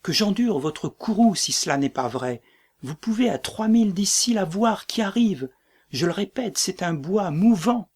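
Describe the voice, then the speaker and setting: A man's voice: medium pitch, animated, unhurried, slightly rough. A man voicing a frightened young messenger. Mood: insistent. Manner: hesitant, then insistent.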